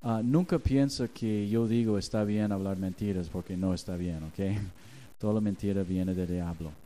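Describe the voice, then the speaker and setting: A man's voice: sits low, moderate pace, warm tone. A man, a pastor preaching a sermon and acting out his talks with God as he tells a story.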